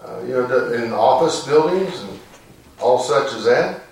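A man's voice: medium pitch, lively intonation, a little slow, gravelly. A man preaching an informal sermon in a folksy, rambling way, his voice echoing back through the sound system. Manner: folksy and rambling, with many restarts. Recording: echoey room, mic at a distance.

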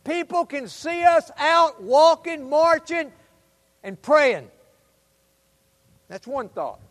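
A man preaching a sermon as a pastor, fervent and exhortative, appealing directly to his listeners and swinging between loud emphasis and hushed asides. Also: extremely high pitch, animated, slow pace. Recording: hall reverb.

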